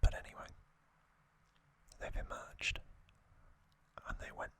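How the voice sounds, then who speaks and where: In whispered ASMR storytelling, a male host speaks very slowly, his voice breathy yet crisp, delivered in short, hushed phrases.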